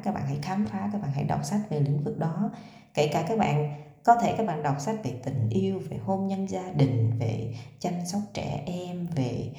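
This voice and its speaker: A woman's voice: low voice, dark tone, reverberant. A woman coaching on speaking voice, chatting directly to her listeners with frequent hesitation fillers. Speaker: voice coach and podcaster. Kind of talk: casual advice talk to viewers.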